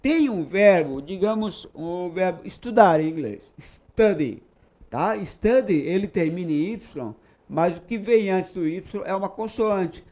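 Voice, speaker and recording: A Brazilian man with a high-pitched voice teaches English grammar in a patient explanatory style. He repeats each English example sentence slowly. He keeps checking in with short "tá?" and "ok?" tags. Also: animated, darkish tone. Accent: Brazilian Portuguese.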